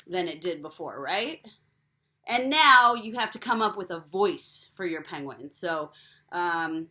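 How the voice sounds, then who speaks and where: A young woman walks children through a craft project in a cheerful, step-by-step way. Her voice is bright and lively, rising and falling a lot. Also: mid-range voice. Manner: cheerful, step-by-step instructions to kids. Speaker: teacher.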